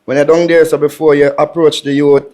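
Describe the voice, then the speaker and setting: A young man from Jamaica with a Jamaican accent, bluntly critiquing a woman on a dating show, teasing and loud at times. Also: fairly high pitch, flat delivery, brisk.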